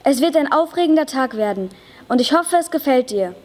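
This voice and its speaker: A woman's voice: high voice, animated, fairly quick, a little mellow. A girl reading a fussy, effusive chocolate maker. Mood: welcoming. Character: lively, excitable small old male chocolate maker. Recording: long reverb of a school hall.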